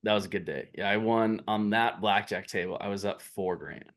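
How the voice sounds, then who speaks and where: A man's voice: on the low side, moderate pace, fairly bright tone. A man co-hosting a podcast in casual chat, laid-back, filling in and correcting details of the story. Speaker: podcast co-host.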